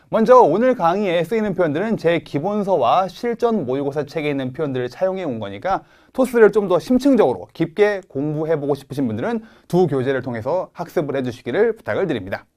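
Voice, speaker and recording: A man in his thirties with a Korean accent, giving an online TOEIC Speaking lecture and modeling English words for viewers to repeat. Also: a little high.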